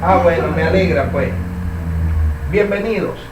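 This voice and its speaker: A man's voice: fairly high pitch, a little slow, noisy background. A man teaching a Bible study class, emphatic and full of rhetorical questions. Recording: echoey room, mic at a distance.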